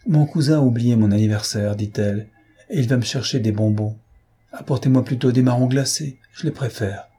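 A man voicing a mischievous, teasing young girl in an audiobook, with a husky voice. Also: medium pitch, brisk, warm tone, close to an everyday voice. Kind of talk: audiobook character reading.

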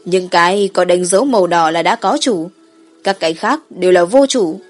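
A woman's voice: fairly low pitch, normal speed, soft background music, close to an everyday voice. A woman voicing an elder golden dragon emperor in an audiobook, speaking with authority and a kindly manner. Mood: commanding, kindly.

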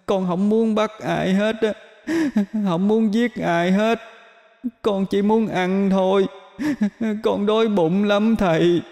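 A man's voice: high-pitched, fairly even intonation, slow, gravelly, pauses often, darkish tone, long reverb tail, soft background music, pitched above the performer's own voice, full character voice. A man voicing the lost ghost of a simple-minded girl, sobbing with a childlike lisp. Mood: sobbing pleading.

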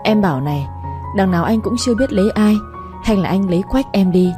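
A woman's voice: medium pitch, lively intonation, a little fast, music in the background, lightly acted. Woman doing a chatty, pleading village girl. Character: pushy cheerful young village woman.

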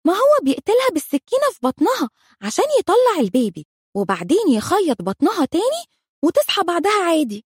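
Woman putting on a little Egyptian girl, high and lively, sure of herself, matter-of-fact. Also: fast, no echo, clean studio sound, exaggerated voice. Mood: confident. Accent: Egyptian Arabic. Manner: self-assured, matter-of-fact. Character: confident little girl explaining grown-up things.

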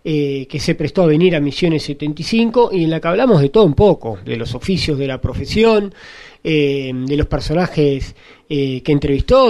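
A man's voice: on the high side, a little mellow. A man who coordinates a radio workshop, introducing a recorded interview in a rambling, hesitant way.

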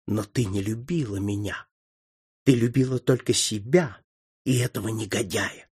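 A man voicing a contemptuous young aristocrat who speaks in a hollow, lifeless, quiet voice in an audiobook reading. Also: on the low side, moderate pace, husky. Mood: cold, quiet. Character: cold young aristocrat son, accusing, contemptuous.

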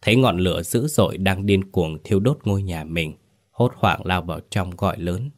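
A man reading a ghost story aloud in a steady, even storytelling manner. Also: sits low, normal speed. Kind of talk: scripted ghost story narration.

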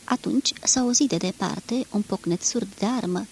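A woman narrating a novel as an audiobook reader in a measured, steady way. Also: medium pitch, vocal fry, a little hiss or hum, low-quality recording. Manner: measured, steady literary reading.

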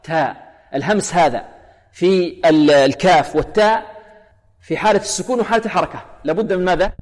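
A man teaching Quran recitation rules, explaining and then slowly demonstrating letters and verses. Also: sits high. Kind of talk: tajweed lesson with recited examples. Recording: long hall reverb.

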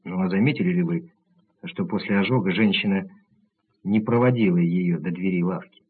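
A man reading the part of a calm, analytical doctor who lays out his reasoning methodically, in a husky low voice on tinny audio. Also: normal speed. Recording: tinny narrow-band audio.

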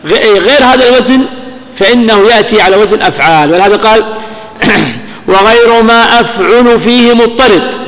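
A man teaching grammar in a recorded lecture. He keeps asking listeners rhetorical questions and recites verses slowly. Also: high-pitched, a bit bright. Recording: lecture hall with long reverb.

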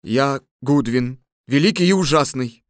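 A woman voicing a small, fearful old man posing as a wizard, talking in a soft, trembling voice. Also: a bass voice, expressive, fairly quick, dry recording, studio quality, pitched below the performer's own voice. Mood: meek, soft.

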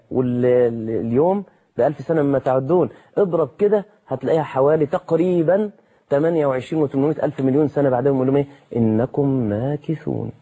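Egyptian male preacher, quick husky delivery, mellow tone, dramatic pitch jumps. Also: low-quality recording. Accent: Egyptian Arabic. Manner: animated, dramatic, rises sharply in pitch for emphasis. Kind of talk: colloquial sermon.

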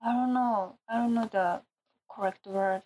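Husky-voiced woman learning English. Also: fairly high pitch, fairly even intonation, a little slow, dark tone. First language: Japanese. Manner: curious, repeats words back, mixes in Japanese. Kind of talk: casual lesson chat.

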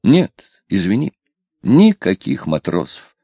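A man's voice: fairly low pitch, wildly swooping pitch, slow, warm tone, no echo, exaggerated voice. A man reading an audiobook, voicing a coy, stubborn young woman. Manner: hesitant, teasing.

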